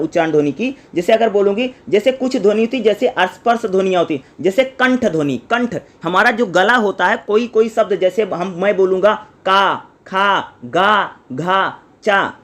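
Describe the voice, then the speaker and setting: High-voiced man teaching an exam lesson. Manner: repeats questions to the listener and answers them himself; sounds out syllables slowly one by one. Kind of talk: exam-prep lecture.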